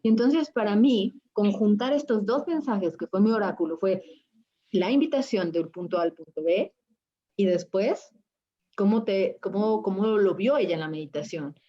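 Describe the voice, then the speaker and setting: A woman's voice: medium pitch, moderate pace. Woman coach telling a story, acts out her reactions, dull muffled audio. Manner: animated, acts out her own past reactions. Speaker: spiritual coach. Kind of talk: conversational interview storytelling.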